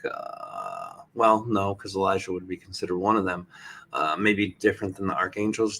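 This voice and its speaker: A man hosting a podcast in casual interview chat, reflective and affirming, reading out listener questions. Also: on the low side. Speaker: podcast host.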